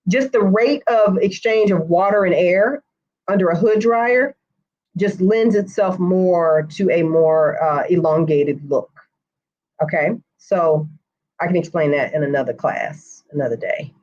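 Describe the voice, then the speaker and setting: A woman's voice: lowish voice, a little slow, a little mellow, muffled recording. Chatty woman stylist answering live comments. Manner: chatty, addresses viewers by name, says y'all. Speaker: hair stylist teaching a live online course.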